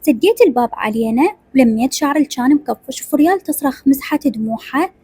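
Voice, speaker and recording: A woman's voice: sits high, expressive, fast, a little mellow, breathy edge, no room sound. A woman with an Iraqi accent narrating a rural family drama in the first person, acting out each character. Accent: Iraqi Arabic. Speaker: storyteller.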